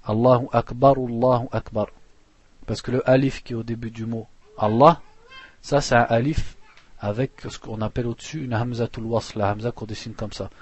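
Man, husky low voice, dry close sound, teaching a lesson, quick read-outs then patient explaining. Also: fairly even intonation, no room sound. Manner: reads Arabic passages quickly, then explains slowly with restarts; clears throat now and then. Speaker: religious teacher. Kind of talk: lesson explaining a text, reading Arabic then explaining in French.

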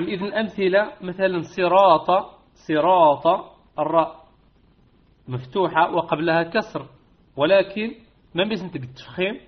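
A man gives a recitation lesson, slowly stretching out and repeating example words for his class to write down. His voice sits a little high for a man. The recording sounds muffled and lo-fi. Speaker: Quran recitation teacher. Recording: dull lo-fi recording.

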